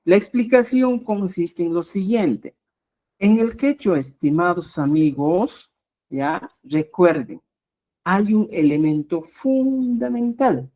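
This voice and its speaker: A woman teaching a live online language class in a lowish voice. She takes her time, repeats her key points, and keeps checking in with a quick "¿ya?". Her emphasis rises on each new term she introduces. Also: dark tone. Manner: checks in with a constant "¿ya?"; slow, repetitive explanations with rising emphasis.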